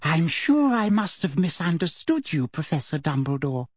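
A man voicing a middle-aged woman official with a fluttery, girlish, high-pitched simper, in an audiobook. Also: big pitch swings, normal speed, slightly rough, no room sound, studio quality, exaggerated voice. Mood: sweetly menacing.

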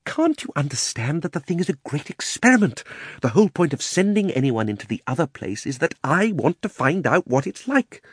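A cruel, pompous old uncle from a children's storybook, a gentleman magician. His delivery is extremely animated, soaring with haughty indignation and sinking into condescension. The sound is dry and close. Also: fairly high pitch, brisk, breathy edge, no room sound, voice pushed up. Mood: impatient. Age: older. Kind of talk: dramatised storybook reading.

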